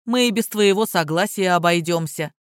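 A reader voicing a stern male lawyer and former policeman who booms and barks orders. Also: normal speed, clean tone, no echo, studio quality, lightly acted. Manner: booming, barking orders.

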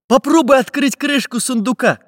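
A man voicing an eager, quick young magic artist in a bright, raised voice. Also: very high voice, dry recording, clean studio sound, in a large hall, pitched above the performer's own voice. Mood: helpful.

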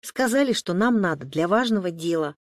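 A man puts on a small boy's voice, pitched far above his own, for a timid kid who stumbles over his words. It is a storybook reading with a very lively, swooping delivery and a dry, close sound. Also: a little fast, no room sound. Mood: confessing. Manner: hesitant, stammering. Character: young boy, timid and guilty.

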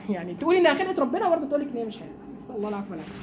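In a noisy room, a woman with an Egyptian Arabic accent leads a Quran study lesson for women, her high voice racing as she tells lively, animated stories and mimics mocking voices.

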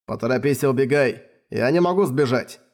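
A man voicing a stubborn, wounded field marshal, exasperated and shouting in an audiobook. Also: mid-range voice, brisk, natural voice. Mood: commanding.

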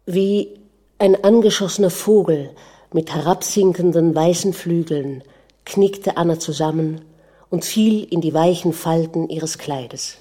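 Warm, low-voiced woman narrating a novel. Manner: measured, calm storytelling. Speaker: audiobook narrator.

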